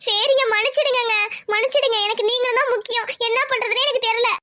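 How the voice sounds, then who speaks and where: Cartoon casting: a woman playing a fearful young village girl, very high and bright, quick and anxious. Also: fairly even intonation. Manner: anxious, hushed and pleading. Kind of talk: cartoon voice acting.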